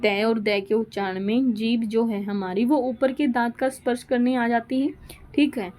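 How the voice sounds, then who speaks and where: A woman's voice: fairly high pitch, steady tone, moderate pace, a little mellow, a little hiss or hum. A woman giving a Hindi grammar lesson, explaining rules step by step and repeating each example aloud. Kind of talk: classroom lecture.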